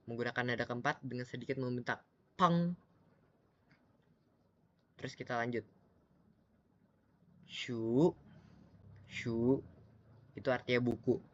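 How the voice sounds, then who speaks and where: A man teaching Mandarin pronunciation in a slide lesson, talking slowly and patiently with many pauses, repeating syllables aloud for practice. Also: mid-range voice, a bit bright, lo-fi sound.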